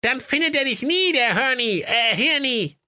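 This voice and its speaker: A man voicing the devil's old grandmother, a shrill, fussy old she-devil who is sweetly menacing, in a comic storybook tale. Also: expressive, normal speed, pushed and bright, smooth, heavily acted. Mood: sly.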